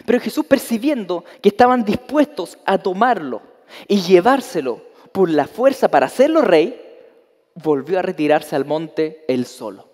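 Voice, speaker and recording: High-voiced pastor preaching in a reverberant hall. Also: male voice, sing-song, normal speed, darkish tone. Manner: emphatic preaching with rhetorical questions. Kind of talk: sermon.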